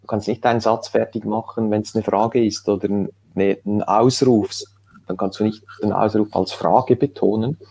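A man, an author telling his story in a relaxed interview, rambling with many fillers and restarts. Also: on the low side, moderate pace, creaky, breathy edge. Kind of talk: casual conversational interview.

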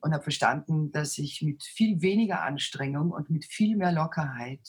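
Woman, very deep low voice, markedly husky and rough, self-assured, commanding, conversational storytelling. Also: animated, moderate pace, darkish tone. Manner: self-assured, dominant presence. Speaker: interview guest, leadership coach and speaker. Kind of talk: conversational interview answers, storytelling.

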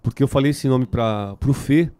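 A man's voice: medium pitch, normal speed, dark tone, clean tone. A man with a São Paulo Brazilian Portuguese accent chatting casually in very slangy street talk, as a musician guest on a podcast. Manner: heavily slangy, filler-laden street talk. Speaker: band musician, interview guest.

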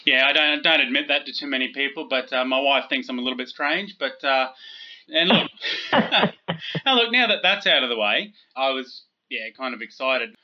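A man's voice: medium pitch, expressive, normal speed. A man hosting an interview, chatty and a bit sheepish, laughing often. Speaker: interviewer host. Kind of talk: phone interview. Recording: dull lo-fi recording.

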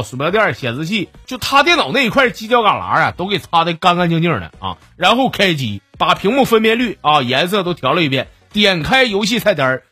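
A man's voice: high-pitched, sharp tone, husky, no echo. A man with a Northeastern Mandarin accent hosting a comic radio show, telling jokey stories and reading listener messages.

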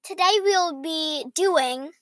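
A woman's voice: very high-pitched, slow pace, no echo. A young girl co-hosting a podcast, chatting casually and reading out quiz questions. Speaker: podcast co-host. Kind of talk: casual podcast chat, reading quizzes aloud.

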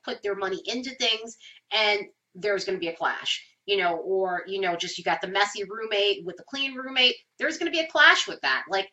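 A woman hosts an astrology forecast in a casual, explanatory way. Her voice is bright and forward but clearly congested, with the nasal sound of someone pinching her nose while she has a cold. She speaks informally and leans on everyday examples. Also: mid-range voice, highs cut off. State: stuffed up with a cold. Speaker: astrology host.

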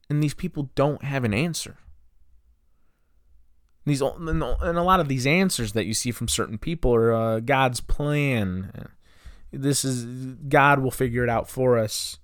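A young man in his twenties hosts a solo podcast. His voice sits at a middle pitch, and he talks with frustration, asking question after question. The sound is close and dry. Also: slow, pauses often, a bit bright, no room sound. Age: 20s. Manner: impassioned, frustrated, rhetorical questions. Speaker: podcast host.

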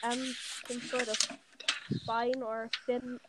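A Dutch teenage girl with a Dutch accent appears as a guest on a casual podcast, speaking unhurriedly with plenty of ums. Her pitch is fairly high with little movement, and the audio is very noisy, dull and muffled.

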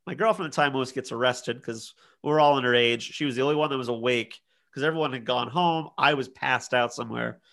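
A man's voice: medium pitch, fast talker. A man in his thirties, a podcast co-host telling a party story in casual chat and acting out the quotes. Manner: animated storyteller, acts out quotes.

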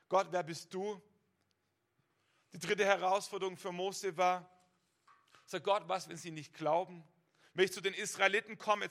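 A male preacher with a high voice, a gravelly edge and a sharp, forceful tone. He delivers a sermon in direct address and stacks one rhetorical question on the next. He often restarts a phrase by doubling its first word. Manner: stacks rhetorical "what if" questions, repeats words when starting.

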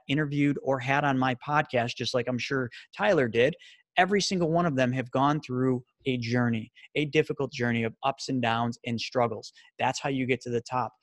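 A financial presenter delivers an energetic sales pitch, talking fast and excitedly while firing off rhetorical questions. His voice is mid-range and the recording is dry.

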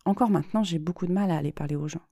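A woman reading as a nervous young woman who pours out her worries in a self-mocking, uneasy way. The voice is low and warm, in a dry, close recording with no echo. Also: racing, creaky. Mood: anxious. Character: anxious young woman talking to her therapist. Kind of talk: dramatic reading.

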